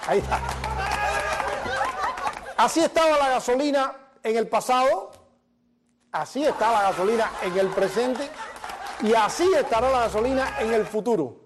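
A man's voice: extremely high pitch, animated, normal speed, long pauses, crowd noise, background noise. A middle-aged man, hosting a TV show with a joking stand-up monologue. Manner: joking storyteller, punchline delivery. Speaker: TV show host. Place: television studio.

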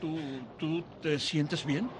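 A gruff small-town cop. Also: male voice, fairly high pitch, fairly even intonation, takes it slowly, a little hiss or hum. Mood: puzzled. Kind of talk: dubbed film dialogue.

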